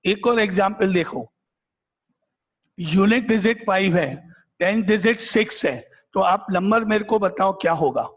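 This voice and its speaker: A man's voice: high voice, unhurried, long reverb tail. A man teaching math to a live class, firing questions back at the students and repeating key points.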